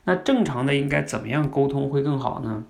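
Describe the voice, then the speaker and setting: Host, male, young adult, gravelly, mid-pitched, chatty teaching tone. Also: animated, a little fast. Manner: conversational, asks listeners questions. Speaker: podcast host. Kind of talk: instructive monologue.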